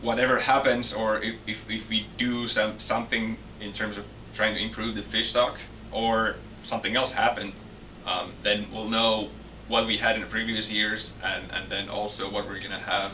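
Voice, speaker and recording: Young Finnish-accented male grad student, bright tense tone, stumbling answers, distant mic with faint hiss. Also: lowish voice, flat delivery, normal speed. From Finland. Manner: hesitant, many restarts and repeated words. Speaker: PhD student guest. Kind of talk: interview answers.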